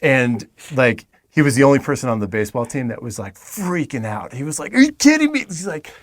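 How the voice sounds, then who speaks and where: A man's voice: medium pitch, fairly quick, no echo. A man talking as a podcast guest in laid-back casual chat, full of "like". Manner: laid-back, peppers speech with "like".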